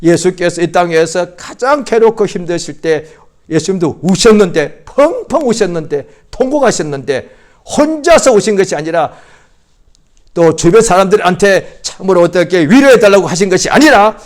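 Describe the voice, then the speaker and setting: A male pastor preaching at a Friday prayer meeting, swinging from loud surges to hushed drops and repeating phrases for emphasis. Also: high voice, lively intonation, normal speed.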